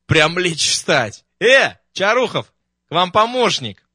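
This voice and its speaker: A man's voice: medium pitch, big pitch swings, moderate pace, sharp tone, no echo, clean studio sound, full character voice. A man voicing a flustered young junior sergeant who blurts out his lines. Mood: astonished.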